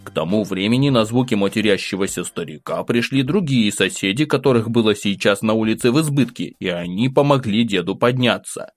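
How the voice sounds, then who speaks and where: A man with a lowish voice reads an audiobook in a steady, even storytelling manner. The recording is dry and close, with faint music underneath. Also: fairly quick, hardly any pauses, no room sound. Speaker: narrator. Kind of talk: audiobook narration.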